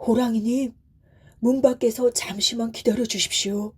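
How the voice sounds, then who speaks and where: An earnest young son from a bedtime story, deeply polite and pleading, as a woman narrator puts him on. The voice is lifted well above her own and stays soft and breathy. It sounds sincere and eager. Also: steady tone, normal speed.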